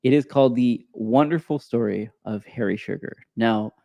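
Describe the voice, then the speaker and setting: A man's voice: mid-range voice, normal speed, creaky, no echo, muffled recording. A man co-hosting a casual chat, rambling and laughing at himself, with a slight whistle on his s sounds that comes across like a lisp. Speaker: podcast co-host. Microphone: desk microphone.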